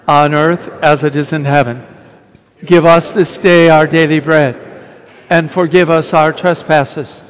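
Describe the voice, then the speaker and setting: A man leading the liturgical prayers of a Mass in a slow, measured intoning voice. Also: on the high side. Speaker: priest celebrating Mass. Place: large church with long reverb. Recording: reverberant church hall.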